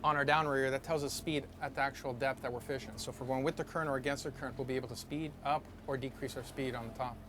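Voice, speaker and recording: A man's voice: medium pitch, fairly even intonation, rapid-fire, few pauses. A man working as a fishing guide, giving a casual technical explanation. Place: outdoors on a fishing boat. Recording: loud outdoor boat engine noise.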